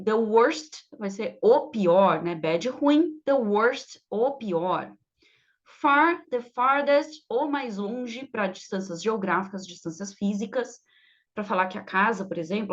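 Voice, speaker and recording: A woman teaching English grammar, explaining rules patiently and reading example sentences slowly, with many fillers. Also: medium pitch, highs cut off.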